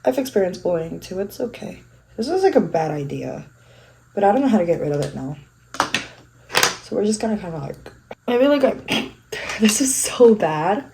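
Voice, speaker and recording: A woman's voice: on the low side, big pitch swings, moderate pace, vocal fry, pauses often, mellow, slight background noise, poor audio. A congested young woman filming a casual makeup vlog at home, rambling and joking about herself with casual swearing. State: congested, sniffling. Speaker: vlogger. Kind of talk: casual get-ready-with-me chat.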